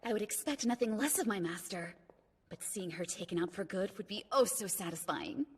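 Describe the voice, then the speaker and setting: A woman's voice: mid-range voice, a little fast, husky, close to an everyday voice. A woman voicing a dragon in human form who serves her master in an anime English dub, speaking in a formal, flirty, doting way. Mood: teasing.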